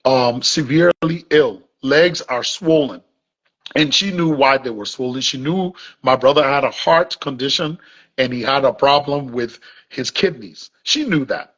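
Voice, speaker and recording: Husky Liberian man, halting and insistent. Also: mid-range voice, a bit bright. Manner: halting restarts, repeats words while building an argument. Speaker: interview guest. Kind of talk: remote interview, defending his account. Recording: dull lo-fi audio.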